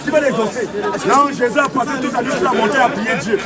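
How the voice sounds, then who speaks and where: A man preaches in a heated street debate, insistent and combative, repeating his phrases and challenges. His voice is very high and his pace quick. The mic is distant, amid a loud outdoor crowd.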